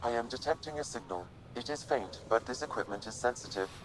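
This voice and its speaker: A man playing a calm artificial intelligence in a video game, speaking in a formal, measured, unemotional way. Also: mid-range voice, noisy background, natural voice. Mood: calm, analytical. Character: calm, precise male artificial intelligence assistant.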